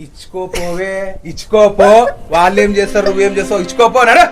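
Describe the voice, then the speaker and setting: A man's voice: extremely high pitch, level tone, fast talker, far from the mic. A man playing a drunken bullying husband. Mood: taunting.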